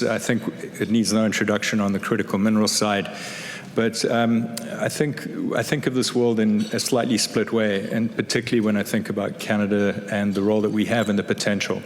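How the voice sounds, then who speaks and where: A man in his fifties giving a business keynote as a chief executive, with polished corporate enthusiasm. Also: on the low side. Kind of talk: semi-scripted business keynote speech. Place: large indoor event hall, on stage. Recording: echoey hall with clear background noise.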